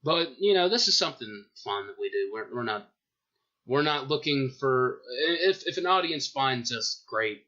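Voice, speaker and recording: Over dull lo-fi podcast audio, a profane young Southern co-host rambles through casual chat and keeps restarting his sentences. His voice sits mid-range, expressive and sharp in tone, at a normal speed.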